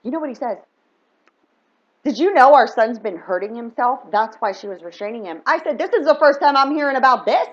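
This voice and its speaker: A woman's voice: sits high, lively intonation, fairly quick. A woman telling a heated personal story in an emphatic, fired-up way, acting out the dialogue as she goes. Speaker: spiritual reader and vlogger. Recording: dull lo-fi sound.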